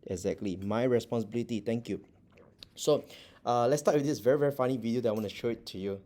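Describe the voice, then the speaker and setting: Earnest mellow-voiced man teaching a class. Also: medium pitch, fast. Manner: earnest, repeats points, many fillers. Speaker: teacher and business mentor. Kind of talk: motivational class.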